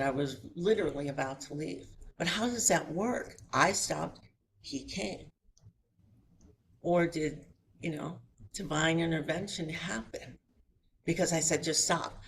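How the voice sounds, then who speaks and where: A middle-aged woman giving a spiritual lecture in a chapel, telling a personal story with lively voices and rhetorical questions to the audience. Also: sits low, slight background noise. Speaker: guest speaker at a chapel. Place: chapel hall before an audience.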